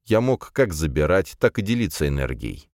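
A man reading a first-person fantasy audiobook in an even, measured way. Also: a bass voice, no room sound, studio quality. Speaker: audiobook narrator.

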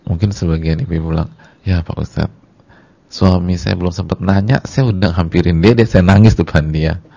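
A man preaching a religious lecture, speaking directly to the women listening and acting out dialogue in a high weeping voice. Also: fairly even intonation, normal speed, gravelly, dark tone, muffled recording. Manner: addresses the women in the audience directly. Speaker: Islamic preacher. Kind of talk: sermon-style religious lecture.

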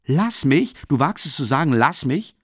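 A man reading an audiobook, voicing a furious, hot-headed young man who shouts and scolds a friend. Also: on the high side, big pitch swings, moderate pace, husky, no room sound, studio quality, voice pushed up, heavily acted. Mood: angry shouting.

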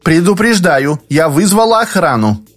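A prim, officious secretary, as a man puts her on in a higher, lighter voice. She answers flatly and coolly, keeping visitors at arm's length in a storybook reading. Her pitch lifts and falls. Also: moderate pace, soft background music. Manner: flat, cool and officious.

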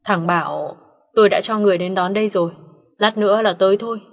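An agitated father over sixty, stern and demanding, voiced by a woman reading the story. He presses the doctor with urgent questions at a middle pitch. A long reverb hangs on the recording. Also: fast talker, natural voice.

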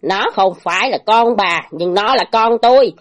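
A woman's voice: medium pitch, normal speed, muffled recording, soft background music, close to an everyday voice. A woman voicing an anxious elderly male village teacher who pleads and protests in a storybook reading. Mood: distressed. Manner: pleading, anxious, sometimes indignant.

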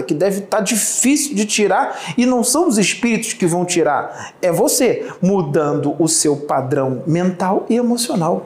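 A man's voice: sits high, darkish tone. Man giving a channeled spiritual teaching. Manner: repetitive lists and rhetorical questions; clears his throat often. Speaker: spiritual medium. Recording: roomy echo, faint background noise.

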